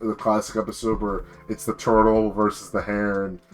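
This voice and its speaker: A young male streamer in loose, excitable conversation, his stories tumbling out with restarts and laughter. He swears casually as he goes. Quiet music runs in the background. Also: on the low side, moderate pace. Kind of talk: casual chat on a livestream.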